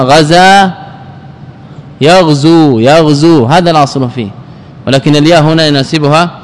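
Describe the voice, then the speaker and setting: Man teaching grammar in a reverberant hall. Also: fairly high pitch. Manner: explains rules step by step, repeating example words; prompts listeners with rhetorical questions. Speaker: sheikh teaching Arabic grammar. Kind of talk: lesson.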